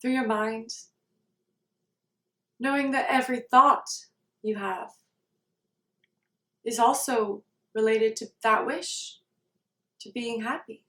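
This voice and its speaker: A woman guiding a meditation in a slow, soft, calm way. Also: a little high. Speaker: meditation guide. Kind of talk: guided meditation. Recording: roomy sound, somewhat far from the mic.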